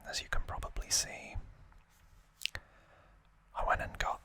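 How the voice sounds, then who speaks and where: A man hosts an ASMR unboxing video, speaking in a soft, breathy whisper. His manner is unhurried and musing.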